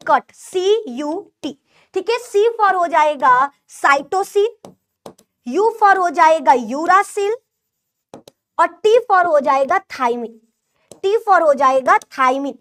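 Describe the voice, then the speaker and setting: A woman's voice: very high voice, fairly bright tone. A young woman with an eastern Hindi accent from the UP-Bihar region, teaching a biology class online and repeating key points in a call-and-response way. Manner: repetitive, call-and-response teaching with mnemonic jokes.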